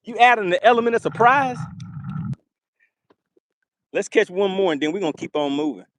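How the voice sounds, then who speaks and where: Excitable high-voiced man streaming from a boat. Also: moderate pace, no echo. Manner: excitable, laughs often, teasing banter. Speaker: fishing live-streamer. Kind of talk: live-stream commentary to chat. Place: on a boat on a lake, outdoors.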